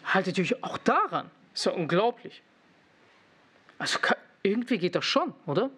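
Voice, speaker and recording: A young man with a high voice delivers a sermon. He keeps asking his listeners questions and ribs them with dry irony. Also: brisk, breathy edge. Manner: lively, questioning the congregation with teasing irony. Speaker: preacher.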